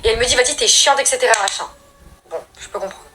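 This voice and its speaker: A young woman from France, a regular storyteller, tells a scary childhood story in casual slangy chat, bursting into loud high voices. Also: fast talker, a little hiss or hum. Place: at home doing makeup.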